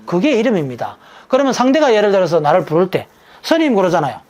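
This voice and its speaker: A man's voice: sits high, very animated, fast talker, a little mellow. A man, a monk who gives naming advice, explains his ideas in an interview and often answers his own rhetorical questions. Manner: lecturing, asks rhetorical questions and answers them himself; drops into a casual, emphatic sentence ending.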